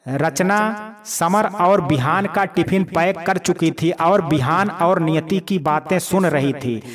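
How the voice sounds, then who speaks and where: Guy reading out a family audio story, slow and high, names who talks before each line, crowd noise behind. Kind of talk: scripted story narration.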